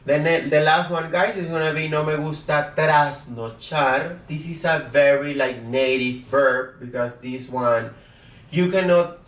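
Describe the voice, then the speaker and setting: A man teaching a beginner Spanish lesson in a lively way, who keeps checking in with his viewers and repeats example words aloud. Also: fairly high pitch, unhurried. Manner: energetic, repeats "guys" and "okay?", drills words aloud. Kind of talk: online language lesson. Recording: roomy echo, mic at a distance.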